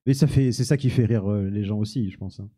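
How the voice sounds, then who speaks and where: Man, very dark voice, self-mocking, rambling, live audience q&a. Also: lowish voice, a little fast. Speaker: youtuber guest. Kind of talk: live Q&A on stage. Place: small cinema-café venue with audience.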